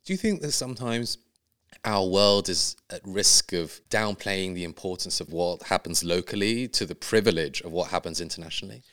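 Deep-voiced male podcast host. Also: moderate pace, fairly bright tone. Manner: composed, long framed questions. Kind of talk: scripted intro and interview questions.

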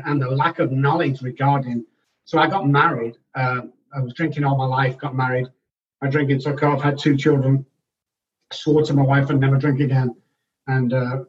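Speaking at normal speed with medium pitch and fairly even intonation, a middle-aged man from Manchester, England, shares candid personal stories in an interview. He is frank and matter-of-fact, restarting at times, and the remote recording sounds distant and dull.

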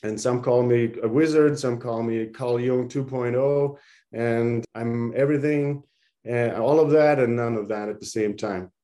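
A middle-aged man from Austria, a psychologist guest speaking in an earnest, reflective way with halting restarts. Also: medium pitch, fairly even intonation, dark tone. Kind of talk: conversational interview.

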